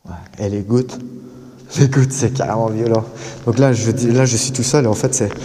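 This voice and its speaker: A man with a Belgian French accent narrating an urban exploration vlog in a casual, rambling way, full of fillers and slang and often dropping to a hushed voice, deep underground in concrete tunnels. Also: steady tone, normal speed. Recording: long echo in underground tunnels, faint noise.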